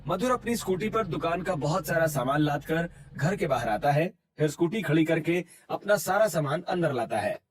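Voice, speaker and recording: Man, storybook narrator, husky voice, fairly high, soft music behind. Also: lively intonation, moderate pace, few pauses.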